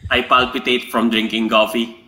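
A man with a bright, forward voice of average pitch chats casually as a podcast co-host. There is faint noise behind him. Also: level tone, normal speed. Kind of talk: casual chat.

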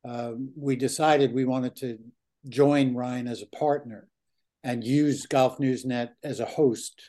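A man's voice: mid-range voice, fairly even intonation, slow, dark tone. An older man co-hosting a golf podcast, talking earnestly and reflectively, with fillers. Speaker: podcast co-host. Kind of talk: casual chat.

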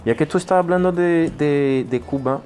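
A man's voice: on the high side, moderate pace, darkish tone, faint music behind. A man hosting a radio chat, playful and joking, often repeating words back to his guest. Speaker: radio host. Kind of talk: casual chat interview.

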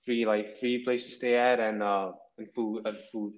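A man's voice: lowish voice, little pitch movement, normal speed, dull audio. A 21-year-old man from Nepal, a podcast guest chatting casually in a meandering, easygoing way. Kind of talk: casual interview chat.

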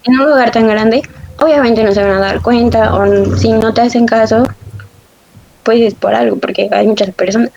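A woman's voice: on the high side, steady tone, normal speed, creaky, darkish tone, a little hiss or hum. A young woman, chatting casually and telling stories with frequent laughs. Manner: chatty storyteller, laughs often, self-described sensitive. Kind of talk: casual chat. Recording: dull lo-fi audio.

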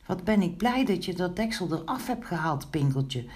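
A woman's voice: fairly low pitch, sing-song, moderate pace, darkish tone. A woman voicing a small, frightened female spider in a children's storybook, breathless and fussy. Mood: startled.

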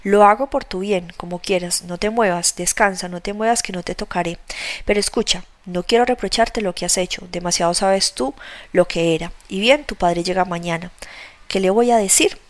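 A woman's voice: lowish voice, moderate pace, lightly acted. A woman voicing a stern, blunt older matron of a household, scolding in an audiobook reading. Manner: scolding, commanding.

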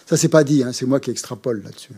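Male Buddhist teacher, mellow voice, halting course delivery. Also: medium pitch, husky. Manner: hesitant, frequent fillers and repeated words. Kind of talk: explaining a mantra in a course.

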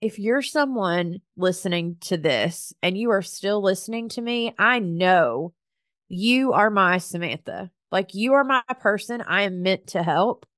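A woman's voice: medium pitch, animated, unhurried, fairly bright tone, no echo, studio quality. Chatty, earnest woman podcast host. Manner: chatty and earnest, frequent "like" fillers, faith-filled encouragement. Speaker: podcast host and business coach for professional organizers. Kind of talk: casual heartfelt solo podcast monologue.

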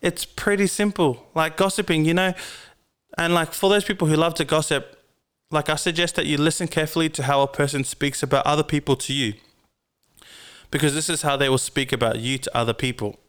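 A man's voice: on the high side, fairly even intonation, a little fast, fairly bright tone, smooth. A man with a broad New Zealand accent hosting a podcast, giving casual, slangy, sweary advice on his own. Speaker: podcast host.

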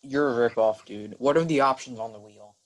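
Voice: medium pitch, fairly quick, low-quality recording. A player in a tabletop role-playing game chatting casually in a joking, wisecracking way. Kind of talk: casual chat.

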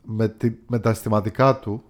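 A man's voice: lowish voice, steady tone. A man co-hosting a casual film-review podcast, speaking as a picky, opinionated critic who likes to mimic actors' accents. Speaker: podcast co-host.

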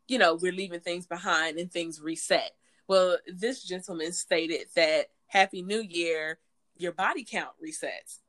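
A woman in her late twenties co-hosts a casual podcast chat. Her voice sits fairly low but comes across bright and forceful. She talks frankly and laughs often. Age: late 20s. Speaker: podcast co-host.

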